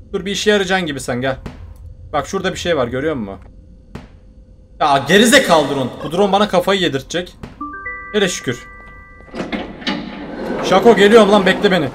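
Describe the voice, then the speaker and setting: Excitable man commenting on a video game. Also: fairly high pitch. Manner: excitable, joking banter with the audience. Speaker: gaming video host. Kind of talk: let's play commentary.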